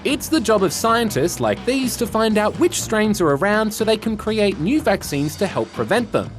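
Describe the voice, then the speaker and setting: A man's voice: sits high, sing-song, normal speed, soft background music. A man with an Australian accent presenting scripted educational news for children in a playful, explanatory way.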